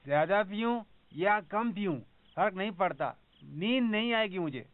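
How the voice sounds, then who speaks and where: Dubbed TV drama: weary, hot-tempered grown son, raised voice, thin phone-like sound. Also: male voice, high voice, animated, normal speed, no room sound. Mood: bitter. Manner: tired, then explosive.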